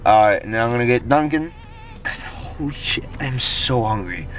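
Speaking at a normal pace with lively intonation and a medium pitch, a young vlogger chats to his handheld camera at arm's length over faint music. Though groggy and hoarse after waking, he rambles on with plenty of fillers, starting in his bedroom and ending up in his car.

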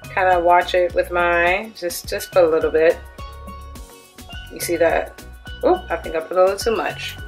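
A woman's voice: on the low side, steady tone, moderate pace, pauses often, faint music behind. Chatty woman cooking in her kitchen. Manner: chatty, upbeat, talks through each step. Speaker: cooking vlogger. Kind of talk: casual cook-along demonstration. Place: home kitchen at the stove.

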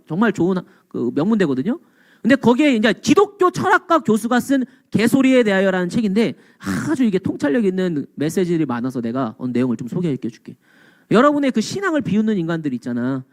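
A man preaching a sermon as pastor, blunt and colloquial, swinging from low murmurs to raised, emphatic cries.

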